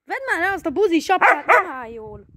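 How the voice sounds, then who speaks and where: Woman filming her dog in the yard, high voice, babying and coaxing it, handheld cam. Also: very animated, background noise. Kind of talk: casual chat to camera and dog. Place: outdoor yard. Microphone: handheld camera she is filming with.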